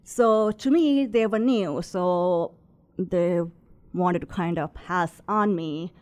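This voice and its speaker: A Sri Lankan woman in her thirties, a resin artist and small business owner, is a guest in a casual interview, chatting about her craft business with many fillers and small laughs between phrases. Her voice is on the low side, slow and a little mellow.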